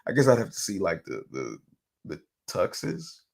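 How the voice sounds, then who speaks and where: Brief: low gravelly male co-host, lively pitch, relaxed chat reader. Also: a little slow. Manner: relaxed, reads chat questions aloud. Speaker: podcast co-host. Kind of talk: casual livestream chat.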